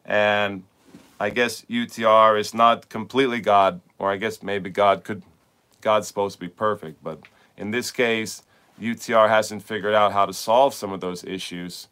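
A man's voice: lowish voice, steady tone, normal speed, fairly bright tone, clear, resonant tone. A middle-aged man, a tennis coach hosting a podcast, talking in a casual, rambling monologue full of repeated words and "like.".

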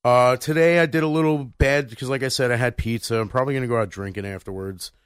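A man in his thirties chatting on a podcast, with a middle-pitched voice. He rambles and restarts his sentences often, leaning on fillers. The sound is close and dry, with no room around it. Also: steady tone, fast, clean tone, no room sound. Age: 30s. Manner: rambling, full of restarts and "you know". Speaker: podcast co-host. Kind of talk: casual chat.

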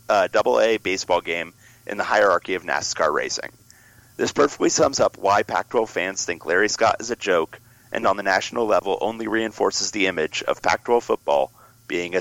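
American guy chatting sports on a podcast, lowish voice, smoker's rasp, hoarse with a cold, dry sound. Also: expressive, normal speed, a bit bright, no room sound, low-quality recording. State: congested with a worsening cold. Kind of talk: casual sports chat.

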